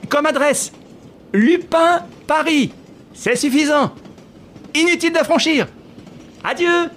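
A man reading an audiobook, voicing a suave gentleman thief who talks in an ironic, mock-polite way. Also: fairly high pitch, sing-song, slow pace, slight background noise. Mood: cheerful.

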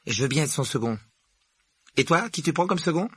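Brief: male narrator as a casual boy sidekick, lively, breathy, dry. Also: fairly high pitch, fairly quick, no echo, voice pushed up, exaggerated voice. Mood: offhand. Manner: offhand. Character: offhand schoolboy friend.

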